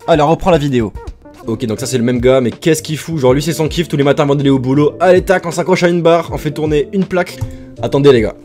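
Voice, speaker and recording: A young man races through an excitable, jokey reaction commentary, chatting directly to his viewers. His pace is quick, and faint music runs underneath. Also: a little high. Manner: excitable, jokey, talks to viewers as "les gars". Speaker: YouTuber.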